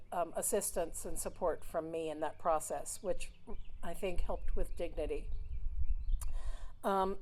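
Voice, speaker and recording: A woman's voice: mid-range voice, darkish tone, poor audio. A woman in her fifties who grew up in Switzerland, giving a rambling personal speech at a memorial with many "um" fillers. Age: 50s. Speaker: alumna speaker.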